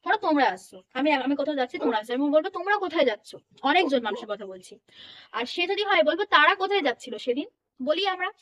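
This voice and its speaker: A woman's voice: sits high, expressive, fast talker, fairly bright tone. A young woman patiently explaining English grammar in a lesson, often checking that her listeners follow. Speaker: English teacher.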